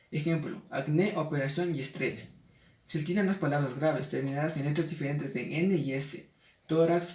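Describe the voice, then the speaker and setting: A man with a fairly high voice reads a spelling lesson aloud at a measured pace, slowing for the example words. He is far from the mic in an echoey room.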